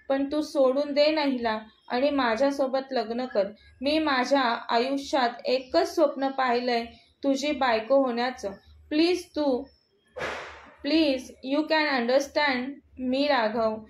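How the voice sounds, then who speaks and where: Woman doing a lovesick young woman, clingy and pleading, high voice, audio story. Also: steady tone, takes it slowly, roomy sound. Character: young woman, obsessive, desperate in love.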